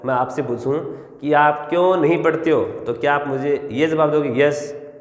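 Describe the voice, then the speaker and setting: A man's voice: on the high side, moderate pace, reverberant, in a large hall. A man teaching English grammar in Hindi, explaining step by step and answering his own questions. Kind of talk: classroom lesson.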